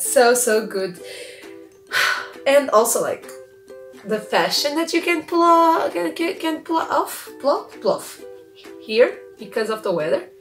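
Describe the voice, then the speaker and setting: A young woman from Portugal chatting excitedly in a casual vlog, full of "like" fillers. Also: high voice, roomy sound. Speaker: vlogger.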